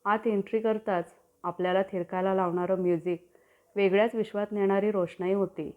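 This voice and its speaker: A woman reading a love story as a storyteller, in steady, descriptive narration. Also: medium pitch, normal speed. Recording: tinny phone-like sound.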